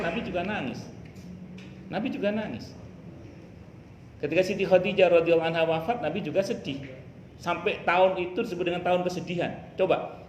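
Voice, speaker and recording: Preacher answering questions. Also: male voice, a little high, a little hiss or hum. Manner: lively, rhetorical questions answered himself. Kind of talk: religious Q&A talk. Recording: echoey room.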